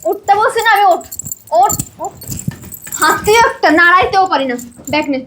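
A woman's voice: very high-pitched, lively intonation, normal speed, fairly bright tone, a little hiss or hum. A woman playing a cruel, bossy young daughter-in-law, scornful and ordering. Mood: domineering.

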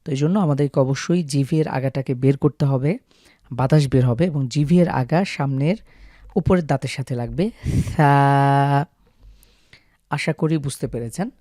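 A Quran recitation teacher with a warm, medium-pitched voice patiently teaches viewers how to pronounce Arabic letters at normal speed. He explains step by step and stretches out the sample letter sounds, in a clean, dry studio recording.

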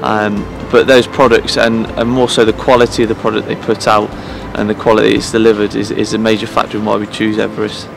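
A man in his thirties, a head groundsman, speaking earnestly to camera outdoors at pitch side in an empty stadium, pausing often with fillers and restarts. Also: completely flat delivery, vocal fry, over music. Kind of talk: promotional interview to camera.

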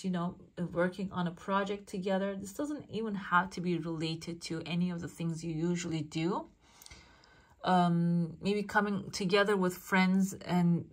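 Speaking in a lowish, slightly bright voice, this woman plays fortune teller and channel host. She talks directly to the viewer in a relaxed coffee cup reading, thinking out loud as she works out what the cup means.

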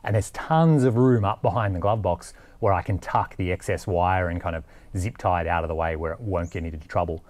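This DIY vlogger, a man in his forties showing a vehicle install, has a deep, darkish voice and talks briskly with hardly any pauses. His casual, to-camera explanations sound like he's thinking aloud.

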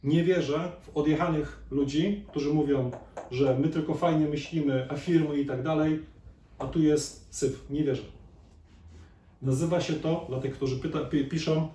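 Speaking as a chiropractor in a lecture hall, a man delivers a conversational live talk, often putting questions to the audience. His voice sits on the high side, steady and dark, at a moderate pace. The recording is echoey, with a distant mic and faint noise.

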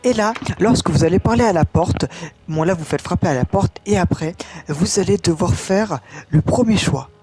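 A man's voice: high voice, lively intonation, moderate pace, darkish tone, faint music behind. Guy doing a game walkthrough, chatty, rambling, voice a bit worn out. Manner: rambling, self-correcting, reads game text aloud. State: voice getting tired. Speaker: gaming video host. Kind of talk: casual game walkthrough commentary.

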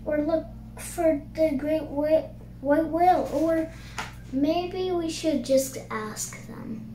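A woman's voice: high-pitched, slow, dark tone. A young girl voicing a hesitant, doubtful little jellyfish from a picture book, with a questioning manner. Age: child. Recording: noisy, roomy home recording.

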